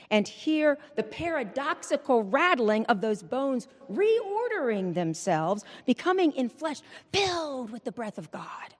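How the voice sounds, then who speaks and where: Woman preacher at a pulpit mic, higher voice, unhurried delivery, long church reverb. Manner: measured, rhythmic preaching with repeated refrains. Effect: preaching into a pulpit microphone. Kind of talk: Easter Vigil sermon. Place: large church.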